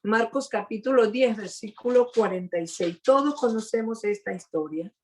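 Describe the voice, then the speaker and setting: A woman preaching a sermon over a video call, earnest and slightly hoarse, pausing for emphasis. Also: on the high side, a little mellow.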